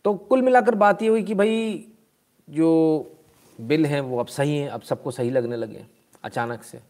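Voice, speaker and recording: A man's voice: a little high, measured pace, darkish tone. A man giving casual, sarcastic live-stream news commentary, mixing Hindi and English.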